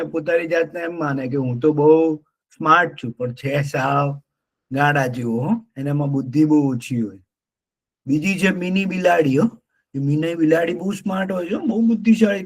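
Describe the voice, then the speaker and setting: A man telling an animated story to children in an online class, often checking in with them. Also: on the high side.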